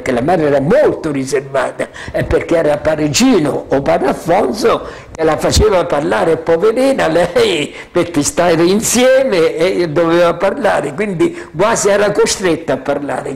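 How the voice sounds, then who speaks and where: A man's voice: a little high, gravelly. An older man telling his memories in a loose, rambling way, often checking that listeners follow. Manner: freewheeling, keeps asking "capito?"; animated storyteller, chuckles often. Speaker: witness sharing memories. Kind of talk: rambling spoken recollection.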